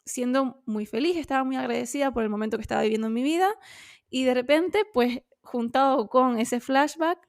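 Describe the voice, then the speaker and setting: A woman talks candidly as a podcast co-host. Her voice sits a little high, and she talks in a loose, chatty way full of fillers. The sound is dry and close. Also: a little fast, no echo. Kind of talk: casual conversation.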